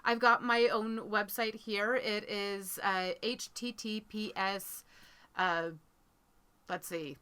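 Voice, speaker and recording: A woman's voice: mid-range voice, fairly even intonation, takes it slowly, pushed and bright, clean tone. A woman guest on a podcast, chatting casually about her products, joking at her own expense. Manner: chatty, laughs easily, self-mocking.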